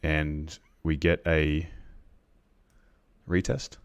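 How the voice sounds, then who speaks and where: A man on a live trading stream, explaining chart setups to viewers in a halting way, with many restarts and ums. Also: very deep voice, little pitch movement, clear, resonant tone.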